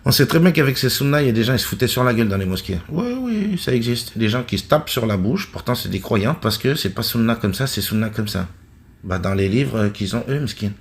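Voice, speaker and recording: A man's voice: medium pitch, expressive, fast. A middle-aged man from France giving a blunt, rambling monologue with many asides. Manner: blunt, conversational, full of asides and restarts. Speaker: online religious commentator. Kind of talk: casual monologue.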